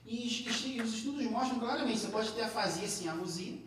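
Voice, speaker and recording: A man's voice: extremely high pitch, brisk, noisy background. A man with a Brazilian Portuguese accent giving a live classroom lecture, explaining step by step with frequent tag questions and restarts. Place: large echoey lecture room. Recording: echoey hall recorded from a distance.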